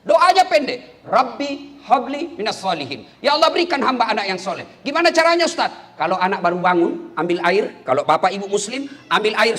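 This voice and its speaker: A man with an Indonesian accent delivering a humorous sermon. His voice sits a bit high and leaps around a lot, jumping from loud, high exclamations down to low, murmured prayers. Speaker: preacher.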